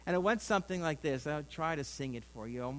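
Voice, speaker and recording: High-voiced folksy preacher man. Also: lively intonation, fast talker, a bit bright, poor audio. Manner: folksy, rambling, with frequent restarts and asides to the congregation. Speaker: pastor. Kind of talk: sermon.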